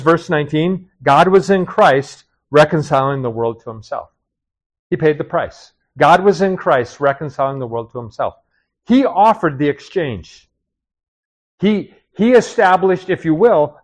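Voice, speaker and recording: A middle-aged male pastor delivering a sermon. His voice sits a little higher than most men's, and he preaches in a conversational way, often tossing out quick questions to his listeners. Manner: conversational preaching with frequent "right?" asides.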